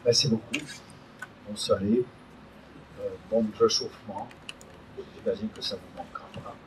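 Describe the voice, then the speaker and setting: A man's voice: lowish voice, measured pace, slight background noise. An older man from Hungary giving a public talk at an evening debate around a table, hesitant and full of fillers and restarts. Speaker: invited speaker. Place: meeting room around a table, above a restaurant. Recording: distant mic in a meeting room.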